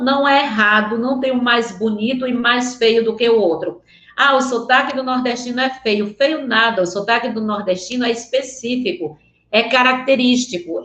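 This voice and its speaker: A woman with a fairly high, bright voice teaches Portuguese online, going through slides in a Northeastern Brazilian accent. She speaks earnestly and checks in often with her students, and the sound is roomy.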